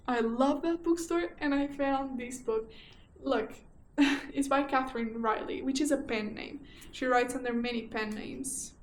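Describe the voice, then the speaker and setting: A young woman from Portugal with a Portuguese accent talks in a bright, high register. She chats casually and animatedly, often doubling her phrases. The room around her is echoey, with faint ambient noise behind. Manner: chatty and animated, repeats herself for emphasis. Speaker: book vlogger. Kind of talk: casual chat.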